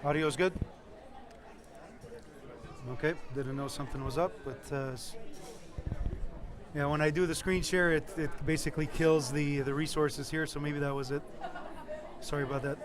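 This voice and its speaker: Guy with a high voice hosting a sports livestream, casual and practical, noisy venue behind him. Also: steady tone, moderate pace, pauses often, crowd noise. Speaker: live-stream host and technical producer. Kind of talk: casual live-stream hosting. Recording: clearly noisy venue background.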